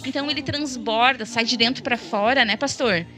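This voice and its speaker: A woman's voice: fairly high pitch, brisk, sharp tone. A woman gives a fervent, emotional religious testimony as a church guest, often tagging her sentences with "né?". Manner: fervent, tearful in tone, keeps tagging "né?". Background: background music.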